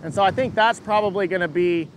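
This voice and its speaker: A man giving an unscripted live weather update as a forecaster, answering questions in a halting way and repeating words as he thinks. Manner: hesitant, halting, repeats words mid-thought. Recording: engine rumble and wind noise.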